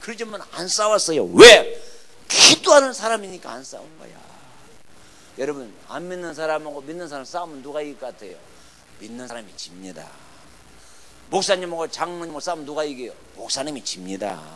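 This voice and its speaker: Emphatic pastor with a bright, tense voice. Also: male voice, fairly high pitch, very animated, a little fast, slight background noise. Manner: emphatic, swings from shouting to near-whispers, acts out quarrels. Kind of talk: revival sermon. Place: church sanctuary.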